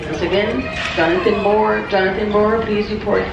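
A woman making a formal paging announcement over an airport intercom loudspeaker. She speaks in a measured way and repeats each call. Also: medium pitch, steady tone. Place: airport terminal. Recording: echoey muffled loudspeaker in a noisy terminal.

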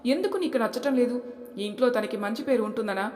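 Lady doing an angry grown-up son, loud and accusing, pitched kinda high, roomy echo. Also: expressive, quick pace, lightly acted. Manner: heated, accusing. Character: angry grown son defending his wife. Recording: roomy hall reverb.

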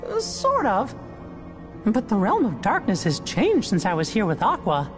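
A man voicing a small, gentle, earnest heroic cartoon mouse in a squeaky falsetto for a video game cutscene. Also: wildly swooping pitch, unhurried, over music, heavily acted. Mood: wistful.

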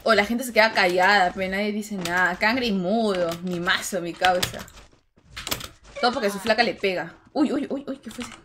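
A woman's voice: medium pitch, normal speed, fairly bright tone, slight background noise. A woman streaming a game, chatting and joking with viewers and reacting to the play. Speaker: gaming streamer. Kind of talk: casual livestream chat while gaming.

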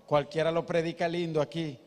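Male pastor, high voice, emphatic sermon style, long church-hall echo. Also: level tone, brisk, darkish tone, slight background noise. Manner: emphatic, questions the congregation.

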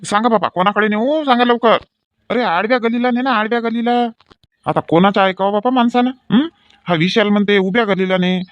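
A man, acting in a rustic comedy sketch and shouting quick repeated orders. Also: high voice, no echo. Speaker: comic actor in a village sketch. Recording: dull lo-fi recording.

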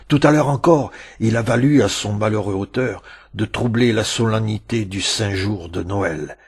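A man narrating a classic tale aloud with a dramatic, storytelling delivery and many pauses. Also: on the low side, vocal fry, husky.

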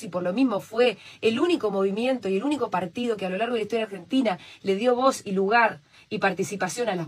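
A woman's voice: medium pitch, husky. A woman speaking on a political panel in an earnest, insistent way. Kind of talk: panel debate.

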